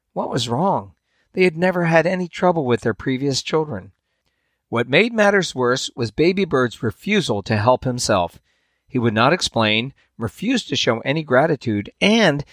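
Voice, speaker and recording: A man hosts a podcast and reads a fable aloud, telling it at a measured storyteller's pace. His voice sits at a middle pitch and rises and drops sharply for the drama of the tale. The sound is close and dry. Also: a bit bright, no echo. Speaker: podcast host.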